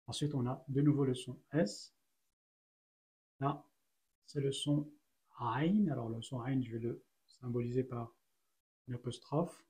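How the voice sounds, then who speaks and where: A man's voice: mid-range voice, fairly even intonation, unhurried, pauses often, mellow. A man teaching an Arabic lesson in French, patiently explaining each letter and sound one at a time with frequent fillers. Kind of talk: slow step-by-step lesson.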